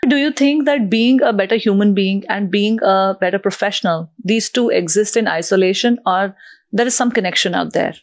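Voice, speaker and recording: A woman's voice: medium pitch, moderate pace, dry recording, clean studio sound. A woman hosting a podcast, asking friendly, probing questions and laughing often. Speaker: podcast host. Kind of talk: interview.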